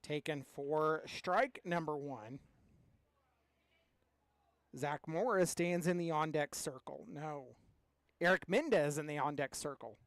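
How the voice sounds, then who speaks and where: A man's voice: a little high, takes it slowly, long pauses, no echo. A man giving live play-by-play commentary as a baseball announcer.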